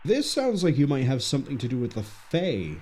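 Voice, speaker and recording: A man's voice: medium pitch, huge pitch swings, fairly quick, darkish tone, a little hiss or hum. A man giving casual playthrough commentary as a streamer, musing aloud and reading out on-screen text. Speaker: game streamer. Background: faint music.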